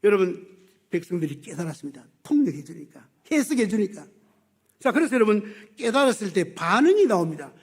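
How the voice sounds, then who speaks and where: A male pastor preaching a sermon in church, swinging from hushed tones to emphatic shouts. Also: sits high. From South Korea. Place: church sanctuary.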